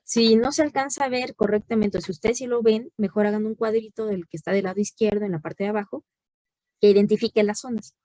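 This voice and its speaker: A woman teacher gives patient, step-by-step corrections over a video call. Her voice sits at a mid pitch and sounds dry and close, with no room around it. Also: steady tone, fast talker, dark tone, dry recording. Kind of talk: online class review, giving feedback.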